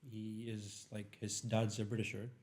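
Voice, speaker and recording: A young man from India chats on a podcast in a mellow, darker tone. He keeps things easygoing and low-key, then warms up into his stories. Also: normal speed. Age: young adult. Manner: easygoing, low-key, animated when telling a story. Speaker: guest, international student. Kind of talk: casual podcast chat.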